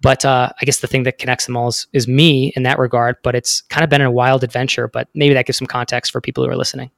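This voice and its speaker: A man's voice: mid-range voice, little pitch movement, fast talker, gravelly, a bit bright, dry recording, clean studio sound. A man in his thirties telling his story as a podcast guest, rambling with many fillers. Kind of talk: casual interview talk.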